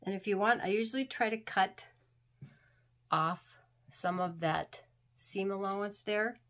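A craft channel host with a mid-range, fairly bright voice speaks a little slowly from her indoor crafting table. She's somewhat sniffly from being sick, and her walkthrough of the steps comes out homey, chatty, and rambling.

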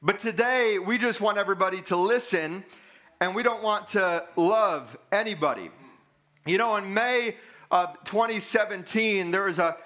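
A pastor in his thirties delivers an earnest sermon from a church stage, restating his main points with emphasis. His voice sits high and rings bright and forceful. He paces and gestures as he speaks. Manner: earnest, emphatic, repeats key lines for stress; gestures broadly while walking the stage.

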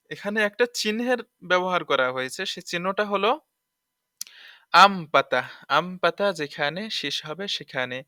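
A man teaching a tajweed lesson for Quran recitation, explaining rules briskly and then sounding out letters slowly and with emphasis. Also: on the high side, bright, forceful tone, clean tone, dry recording, clean studio sound.

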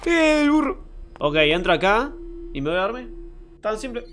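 A man's voice: high-pitched, big pitch swings, moderate pace, fairly bright tone, a little hiss or hum. A young man with an Argentine accent, joking and swearing often as he gives live commentary on a horror game. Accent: Argentine Spanish. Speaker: streamer.

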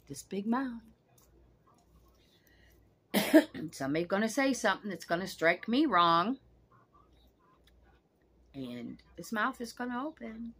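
A woman in her sixties vlogs from the couch of a small room at home, speaking bluntly and swearing freely straight into the camera in a casual monologue. Her voice sits a little high and sounds slightly rough.

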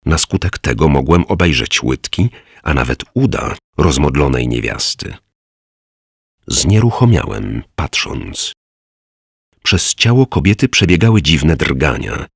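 A man narrating an audiobook in a measured, descriptive way. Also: extremely low pitch, big pitch swings, vocal fry, breathy edge, dry recording, clean studio sound.

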